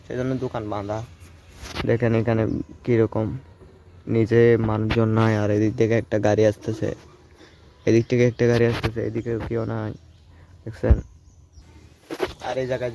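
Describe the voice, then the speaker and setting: A young man narrates his day to the camera while walking outdoors in the rain, his voice sitting in the middle of the male range. He talks in a chatty, conversational way and keeps checking in with the viewer. The phone recording carries clear outdoor noise with birds and rural ambience. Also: medium pitch, little pitch movement, a little fast, long pauses. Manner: drops to a hushed voice when people pass. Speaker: vlogger. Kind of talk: casual handheld vlog narration. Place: outdoors in a rainy rural village.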